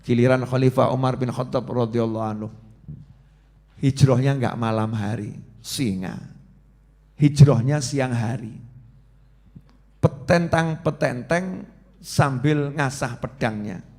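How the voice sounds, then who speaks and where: A man, preaching a religious study sermon with animated storytelling and acted-out quotes. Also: slow, long pauses. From Indonesia. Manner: animated storytelling, acts out quotes with shifting pitch and loudness.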